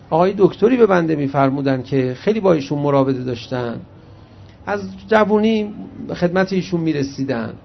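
High gravelly-voiced man preaching. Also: a little hiss or hum. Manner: recites Arabic hadith slowly, then translates conversationally; animated storyteller addressing the audience directly. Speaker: cleric preacher. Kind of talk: religious sermon. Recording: muffled lo-fi recording.

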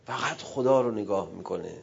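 Middle-aged guy preaching, gravelly voice, goes quiet then loud, bit muffled audio. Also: fairly low pitch, lively intonation. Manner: emotive, swings between hushed and loud, acts out quoted dialogue. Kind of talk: religious sermon.

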